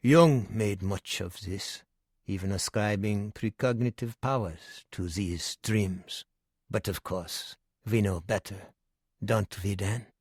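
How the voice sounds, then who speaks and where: A man's voice: lowish voice, slow, slightly rough, no echo, studio quality. A man voicing a frail, dying male psychiatrist in his nineties, with a heavy German accent and a sly, probing way of asking questions. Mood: probing, lecturing. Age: 90s.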